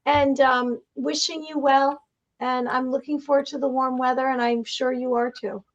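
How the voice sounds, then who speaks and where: A woman's voice: high-pitched, little pitch movement, normal speed, lo-fi sound. A woman co-hosting a podcast, eager and effusive as she thanks the guest. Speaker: podcast co-host. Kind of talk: casual interview.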